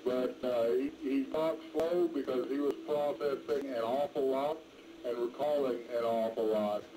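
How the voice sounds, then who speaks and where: Over a noisy two-way radio link, a man chats casually from his pickup truck as an amateur radio operator, rambling along in a folksy way. His voice is medium-pitched and steady, and he talks a little slowly.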